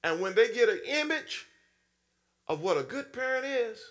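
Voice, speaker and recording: Man, sermon, lively swooping pitch, fairly high voice, keeps asking the congregation "hmm?". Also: normal speed. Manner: call-and-response preaching, frequent "Hmm?" to the congregation; acts out voices with sudden high swoops and low drops. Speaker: preacher.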